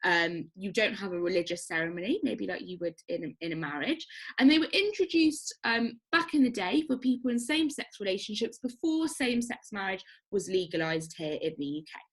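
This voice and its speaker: A woman's voice: medium pitch, animated, fairly quick, husky, poor audio. A woman presenting an educational workshop, explaining patiently with frequent ums.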